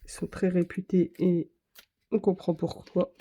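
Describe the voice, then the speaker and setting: A woman's voice: on the low side, flat delivery, unhurried, mellow, breathy edge. A woman vlogger chatting casually to camera, rambling and correcting herself as she shows her art supplies. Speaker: craft vlogger.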